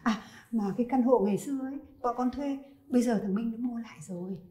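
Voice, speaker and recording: An actress playing a kind older mother-in-law and grandmother, with a gentle, coaxing manner. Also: fairly high pitch, quick pace, close to an everyday voice. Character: kindly grandmother, warm forgiving mother-in-law. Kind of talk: web drama acting. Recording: echoey room with faint music.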